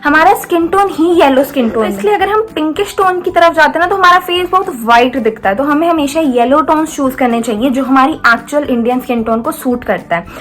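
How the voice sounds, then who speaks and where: A woman's voice: sits high, expressive, brisk, hardly any pauses, a bit bright. A young woman from India giving a makeup tutorial in a chatty, step-by-step way, often checking in with the viewer. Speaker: beauty vlogger. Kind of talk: makeup tutorial, casual Hinglish chat.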